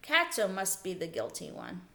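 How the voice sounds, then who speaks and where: A calm, kindly aunt, read by a woman, reassuring the children in a warm storybook manner. The voice rises and falls freely. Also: mid-range voice, normal speed, gravelly, full character voice.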